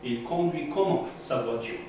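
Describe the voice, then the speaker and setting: A man teaching a French lesson to pupils. He talks slowly, repeats himself and spells out word endings letter by letter. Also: a little high, warm tone. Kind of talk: classroom lesson. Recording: echoey room, voice from a distance, faint hiss.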